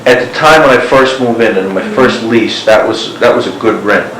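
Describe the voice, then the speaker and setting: A man's voice: fairly low pitch, normal speed, fairly bright tone. A man being interviewed on an old cassette tape, talking in a meandering way full of "you know" and "like". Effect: old cassette tape recording. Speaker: interviewee, former neighbor. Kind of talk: rambling recorded interview. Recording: hissy echoey cassette tape.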